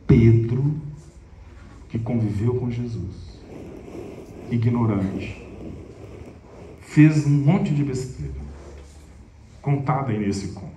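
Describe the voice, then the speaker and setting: A man's voice: medium pitch, dark tone. A man with a Minas Gerais accent giving an informal storytelling lecture to an audience, speaking chattily and addressing them directly. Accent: Minas Gerais Portuguese. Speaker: spiritist lecturer. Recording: echoey hall, mic far off.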